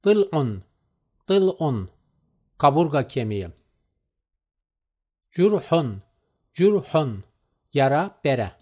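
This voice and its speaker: Guy reading out word lists super slow, repeats every word, kinda high voice. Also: sing-song, a little mellow, highs cut off. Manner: reads each word twice with measured pauses. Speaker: vocabulary teacher. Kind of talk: slow word-list recitation.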